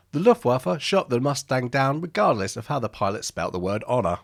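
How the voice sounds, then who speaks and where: Husky man narrating history, lively pitch. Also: dry recording, clean studio sound. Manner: wry, jokey asides between statistics. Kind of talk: scripted documentary narration. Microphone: voice-over.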